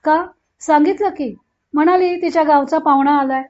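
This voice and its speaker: A woman reading the part of a sharp-tongued, teasing older aunt who talks bluntly and scolds, in a dull lo-fi recording. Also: sits high, normal speed, close to an everyday voice. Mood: scolding.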